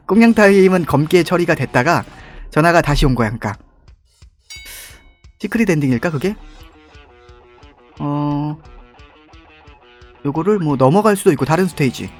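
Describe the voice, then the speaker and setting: A young man talks his way through a mobile dating game, reading choices aloud and chuckling at them. His voice sits a bit high for a man. Faint music plays underneath. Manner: chatty, reads game lines aloud, laughs often. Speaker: gaming YouTuber. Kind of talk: game playthrough commentary.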